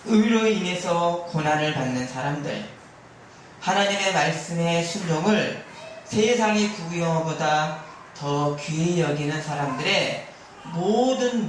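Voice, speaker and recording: A man's voice: sits high, a little hiss or hum. A male pastor preaching a sermon, pressing his points with rhetorical questions and calls for amen. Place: church sanctuary during afternoon service. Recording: very echoey hall, mic far off.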